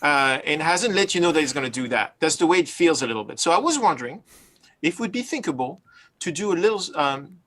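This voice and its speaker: Higher-voiced man in casual studio talk. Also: animated, quick pace, fairly bright tone. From Brooklyn. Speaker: music producer directing a session.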